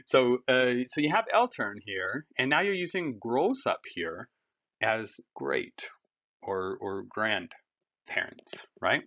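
A man's voice: medium pitch, animated, takes it slowly, fairly bright tone. A man teaching a German lesson, patient and conversational, explaining with everyday comparisons. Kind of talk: classroom language lesson. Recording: dull lo-fi recording.

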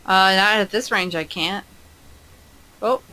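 A woman chatting casually with friends during an online shooter game, wry and quick to swear. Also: mid-range voice, bright, forceful tone, rough recording. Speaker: gamer teammate. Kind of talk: casual gaming chat.

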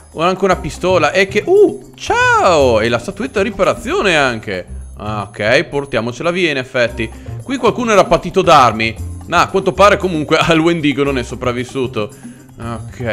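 A man narrating his own gameplay on the fly, his somewhat high voice leaping up and down as he flips between jittery yelps and exaggerated politeness toward the monsters. Faint game music sits low behind him. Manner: excitable, yelps and panics, mock-polite to enemies. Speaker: let's play gamer. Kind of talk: live gameplay commentary.

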